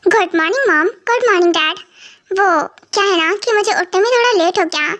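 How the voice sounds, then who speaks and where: A woman voicing a quick-tempered young bride in a fan-dubbed audio story, with a snappy, irritated way of talking. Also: very high voice, a bit bright. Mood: polite.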